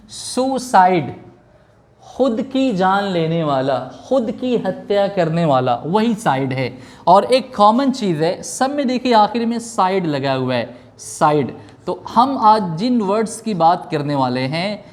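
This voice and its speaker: Guy teaching english vocab, super slow, says aa a lot, repeats himself. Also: on the high side, a little mellow. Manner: slow, repetitive explaining with filler "aa" pauses. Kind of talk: vocabulary lesson explaining word meanings.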